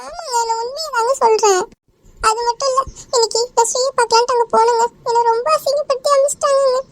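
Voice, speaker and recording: Someone voicing a squeaky, tearful cartoon mother. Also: fairly even intonation, fast, background noise. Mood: tearful pleading. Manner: pleading, sobbing. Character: distraught mother, middle-aged woman, tearful. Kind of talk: animated cartoon dialogue.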